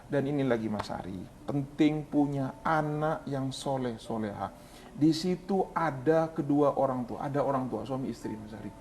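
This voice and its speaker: A man who is an Islamic preacher, giving an earnest spiritual testimony in an interview, pleading and moving between hushed and raised speech. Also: mid-range voice, normal speed, a little hiss or hum.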